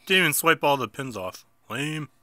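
This stuffy-nosed gameplay video host has a fairly high, bright, forceful voice with lively intonation, speaking at normal speed in a dry recording. He chats casually through a mobile bowling game, self-mocking, and bursts out whenever he misses.

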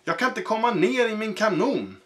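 A man reading aloud and voicing a small excitable male circus cannon king with high, fretful exclamations. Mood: baffled.

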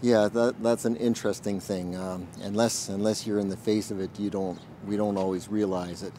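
A man in his forties, a military chaplain, answers interview questions outdoors in an earnest, thoughtful way and pauses often to find his words. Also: on the low side, flat delivery, warm tone, slight background noise. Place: outdoors in a garden.

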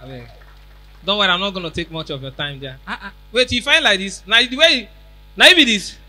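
A man's voice: sits high, animated, fast talker. A young man with a Nigerian accent, hosting a comedy show on stage with a handheld mic, teasing a guest in playful pidgin banter. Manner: teasing, playful, loud bursts. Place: large tented event hall, on stage.

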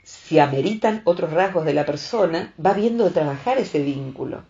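Expressive Rioplatense woman psychologist, lo-fi. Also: sits low, normal speed, creaky. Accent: Rioplatense Spanish. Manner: expressive, acts out quoted voices. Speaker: psychologist and columnist. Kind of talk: reflective advice talk.

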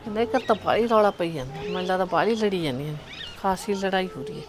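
A woman's voice: mid-range voice, fast talker, a bit bright, lightly acted. A woman acting a nosy neighbour aunt who eavesdrops on the family's quarrels and defends herself with gossip. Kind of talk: family comedy skit acting.

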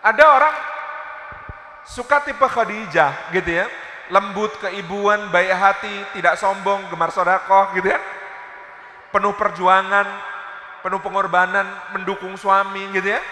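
A man preaching a sermon in a large mosque, telling stories with lively, playful asides to the audience. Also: sits high, unhurried, pauses often. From Indonesia. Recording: echoey hall reverb.

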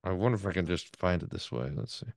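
A middle-aged man, a pastor, teaching a Bible class, reading passages aloud and explaining them in a lively way, often repeating words as he thinks aloud. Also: low-pitched, fast talker, no echo, studio quality.

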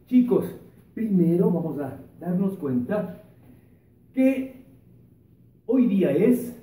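Slow teacher in an echoey room. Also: male voice, a little high, mellow, distant mic, slight background noise. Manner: slow, drawn-out pronunciation of sounds for children. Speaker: primary school teacher. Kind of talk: remote classroom lesson with a sung opener. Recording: echoey room, voice off-mic, light music.

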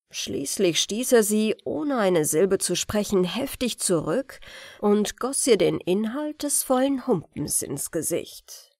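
A woman reading a spooky tale aloud as a calm, measured bedtime audiobook narrator. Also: medium pitch, no room sound, clean studio sound. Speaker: audiobook reader.

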